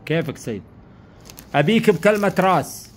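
A man's voice: high-pitched, expressive, normal speed. A man with a Kuwaiti accent casually prompting his guest with old sayings, as host of an informal chat. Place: sitting room, indoors. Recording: clear background noise in room.

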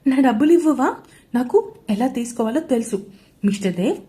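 A woman voicing a feisty young pregnant wife who talks high and defiant. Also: normal speed, warm tone, lightly acted.

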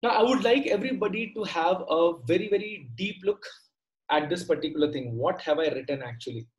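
A middle-aged male teacher speaks with a South Indian accent in a moderately high voice. He explains things step by step in a conversational way, often repeating a phrase and stopping to ask short questions of his students. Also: brisk, poor audio. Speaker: maths teacher. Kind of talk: online lesson, explaining step by step. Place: indoor room, online class on a computer.

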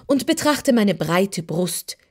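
A woman's voice: medium pitch, lively intonation, takes it slowly. A woman voicing a proud, boastful male cab horse who lectures in a pompous way, in a storybook reading.

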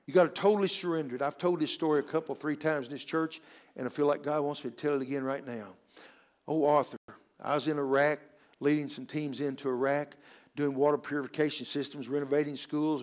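A man's voice: fairly high pitch, fairly even intonation, fast. Earnest preacher man. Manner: earnest preaching with quoted scripture and stories. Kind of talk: sermon.

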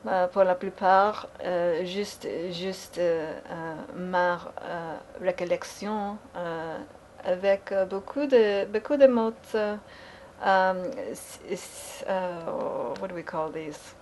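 Woman, French learner, halting, many pauses, slips into English, faint background noise. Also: fairly low pitch, darkish tone. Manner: hesitant, full of pauses and fillers, slips into English. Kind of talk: halting French practice monologue. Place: home in Dallas, Texas.

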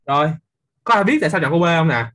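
A man's voice: fairly high pitch, lively intonation, rapid-fire, a bit bright. A young man, teaching physics in a live online class, quizzing students by name and teasing them.

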